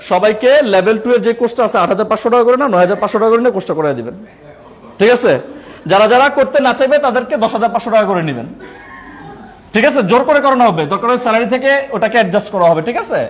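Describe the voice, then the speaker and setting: A man's voice: high voice, animated, racing. A man with a Bangladeshi Bengali accent teaches a room of teachers, drilling them with call-and-response questions and joking with them. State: sweating. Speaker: teacher trainer. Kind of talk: classroom teaching. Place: training classroom.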